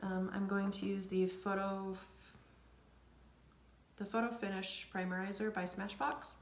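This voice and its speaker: A young beauty vlogger chats casually through her makeup routine in a sniffly, congested voice full of gravelly fry, rambling with lots of fillers and drifting into soft near-whispers. Her pitch is medium and her tone level, and she takes her time. The room is echoey, with slight background noise.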